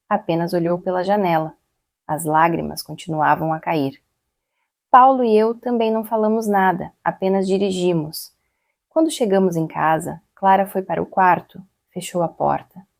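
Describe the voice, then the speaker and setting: A woman telling a dramatic story in the first person, steady and measured. Her voice sits low with a gravelly, fry-touched texture, and the recording is dry and close with no room sound. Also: dry recording.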